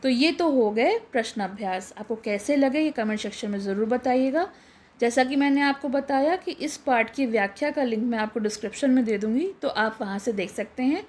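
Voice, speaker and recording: A woman's voice: on the high side, brisk, darkish tone. A woman teacher reading out textbook answers as numbered points, restating each in simpler words.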